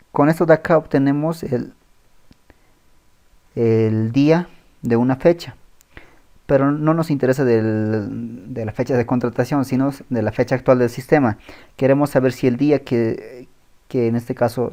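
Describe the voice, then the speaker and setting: A man teaching a screen-recorded coding tutorial, thinking aloud as he types, pausing and correcting himself. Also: mid-range voice, warm tone. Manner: thinks aloud while typing, with pauses and self-corrections. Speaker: programming tutor.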